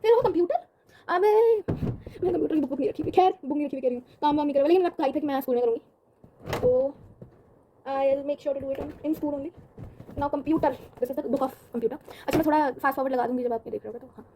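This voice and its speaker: Brief: teen girl vlogger, high-pitched, chatty and rambling, phone-camera sound. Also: fast talker, background noise. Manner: chatty, rambling, mixes Hindi and English. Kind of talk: casual vlog chat.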